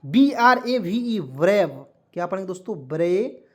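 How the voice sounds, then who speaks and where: A man's voice: high-pitched, animated, measured pace. A man teaching English vocabulary. He spells every word out letter by letter, says it over several times and keeps quizzing his viewers in a patient classroom manner. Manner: spells words letter by letter and repeats them often; keeps asking questions of the viewers.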